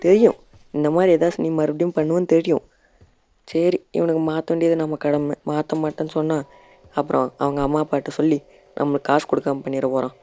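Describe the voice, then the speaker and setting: A man's voice: fairly high pitch, flat delivery, fast talker, dark tone, no room sound. A Tamil man doing casual let's-play commentary, chatting and playfully scolding a baby in the game. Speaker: gaming YouTuber.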